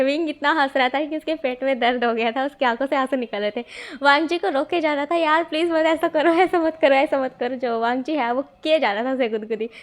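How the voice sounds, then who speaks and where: A young woman narrating a fan story in a casual, chatty way, with many repeated filler phrases. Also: high voice.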